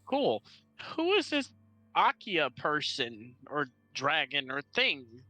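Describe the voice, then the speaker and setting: A man's voice: a little high, wildly swooping pitch, slow, pushed and bright. A man playing a tabletop role-playing game, improvising casually and thinking aloud in a hesitant way. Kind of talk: casual in-character improvised chat. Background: music.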